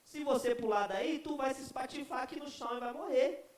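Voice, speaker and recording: A man voicing a frantic old grandmother who scolds her grandson in a shrill, pleading way. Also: brisk, reverberant, distant mic, a little hiss or hum. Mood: scolding.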